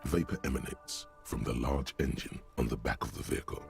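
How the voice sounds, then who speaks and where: A man's voice: very deep voice, brisk, creaky, full character voice. A man narrating a game in a dramatic, descriptive manner. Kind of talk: scripted narration. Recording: game audio with music behind.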